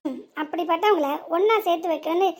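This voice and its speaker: A woman voicing a quick-tempered, sharp-tongued young wife in a cartoon serial. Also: extremely high pitch. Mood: arguing. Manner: bickering, sharp, quick retorts. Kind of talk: Tamil cartoon serial voice acting.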